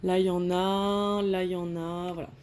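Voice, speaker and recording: A woman's voice: lowish voice, little pitch movement, normal speed, darkish tone. A young French woman chatting casually to camera while unboxing a craft kit, rambling and restarting her sentences as she thinks aloud. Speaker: diamond painting vlogger.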